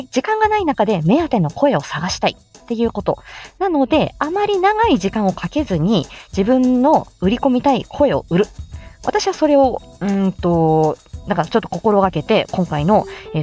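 An amateur voice actor explains how voice samples are made, speaking in a chatty, casual live-stream manner. Her androgynous voice is medium in pitch and mellow.

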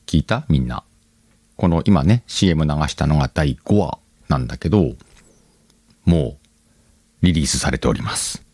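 Hosting a solo podcast, a man chats casually with his listeners, addressing them directly and thinking aloud as he goes. His very deep voice is animated, slightly rough, and a little mellow, moving at a moderate pace with long pauses. The recording is dry, with background music beneath him.

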